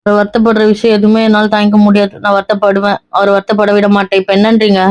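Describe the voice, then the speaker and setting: A woman's voice: mid-range voice, monotone, fast, a little mellow. A woman playing a grown daughter who keeps insisting and pleading to be let go to work, in a family skit. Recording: dull lo-fi sound.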